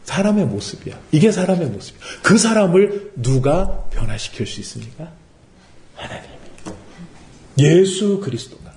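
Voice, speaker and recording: Animated Korean pastor preaching in an echoey room. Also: male voice, a little high, moderate pace, creaky. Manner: animated preaching, rhetorical questions, acts out quotes. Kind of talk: sermon. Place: worship service room.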